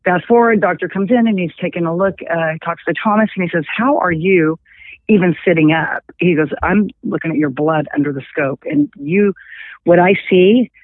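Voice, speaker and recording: A woman's voice: fairly low pitch, fairly quick, dry recording. A middle-aged woman, a guest calling in, telling a personal story in casual speech and acting out the dialogue. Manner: animated, acts out quoted dialogue. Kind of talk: casual storytelling over the phone. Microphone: telephone. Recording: tinny phone line.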